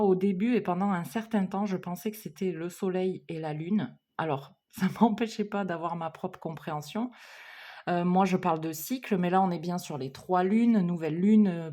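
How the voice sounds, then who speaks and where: Chatty woman with a mellow voice. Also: on the low side. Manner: chatty, with fillers and self-corrections. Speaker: card reader, channel host. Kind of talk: casual card-reading vlog.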